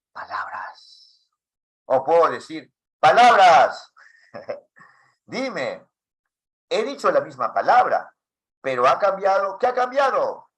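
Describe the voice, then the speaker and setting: A man teaching a class for teachers, asking many questions in a lively way. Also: fairly high pitch. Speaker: teacher trainer.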